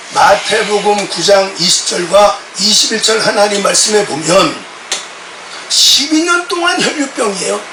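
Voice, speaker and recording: Middle-aged man preaching a fiery sermon, shouting at peaks, voice sitting very high, heard from across a reverberant sanctuary. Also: background noise. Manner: impassioned, shouts quoted words. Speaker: pastor. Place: church sanctuary. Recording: echoey church sound from a distant mic.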